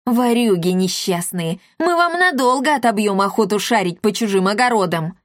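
A woman's voice: medium pitch, expressive, moderate pace, no echo, studio quality, lightly acted. A woman voicing a rowdy village bully boy who jeers and gloats. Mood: gloating. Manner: gloating, jeering.

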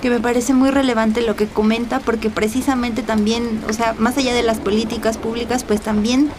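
A woman with a Mexican accent hosting an interview, speaking in a measured way with small hesitations. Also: a little high, level tone, background noise. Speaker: podcast host.

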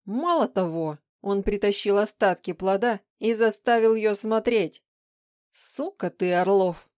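A woman's voice: medium pitch, measured pace, a little mellow, dry recording, clean studio sound, lightly acted. A woman voicing a volatile young woman's vicious, mocking alter ego in an audiobook reading, snarling and hurling insults. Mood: furious.

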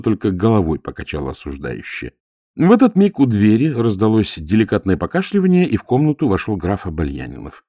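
Expressive male audiobook narrator, dry sound. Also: lowish voice, dry recording. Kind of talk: scripted narration.

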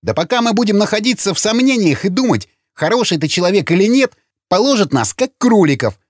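A man voicing a hot-headed, bitter young soldier who snarls and shouts in arguments. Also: sits high, animated, brisk, no room sound, voice pushed up. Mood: angry, shouting. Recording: dry studio with faint music.

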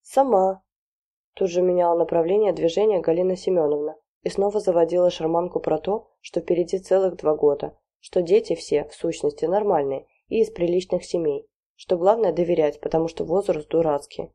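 A woman narrating an audiobook in a measured, wry storytelling manner. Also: lowish voice, warm tone. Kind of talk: scripted narration.

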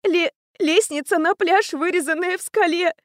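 A woman reading aloud, voicing a proud young captive princess whose voice is hoarse and weak. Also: high voice, brisk, dry recording, clean studio sound, natural voice. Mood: sobbing.

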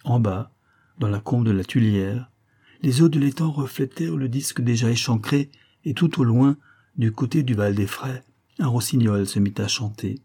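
A man reading a classic novel aloud as narrator, calm and even. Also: mid-range voice, moderate pace, husky. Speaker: reader. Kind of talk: audiobook narration.

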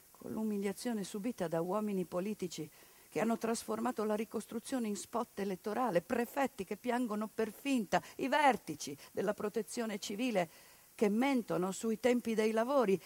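A stage actress with a fairly low voice delivers an impassioned theatrical monologue. She builds rhetorical lists, then drops into hushed bitterness.

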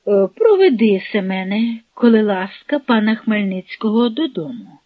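A composed Cossack colonel speaks low and steady, weighing each word, as a reader voices him. There is little theatrics to it. The recording is dry and dull. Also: normal speed, no room sound. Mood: measured. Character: older Cossack colonel, calm and cautious. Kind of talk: audiobook reading with character voices.

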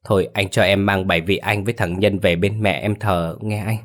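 A man voicing a grieving young widow in a ghost story, pleading and softly respectful as she begs to leave. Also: low-pitched, steady tone, normal speed.

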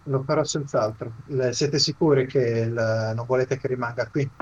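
A man's voice: medium pitch, fairly even intonation, moderate pace, muffled recording. A man acting as game master, narrating a tabletop game in a casual, conversational style. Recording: faint background noise.

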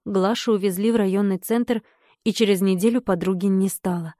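A woman's voice: medium pitch, steady tone, brisk, mellow, no echo. Woman reading a story, dry close sound. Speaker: narrator.

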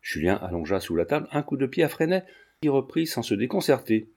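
A man narrating a classic novel in an audiobook with a measured, even reading. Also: medium pitch. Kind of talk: scripted narration.

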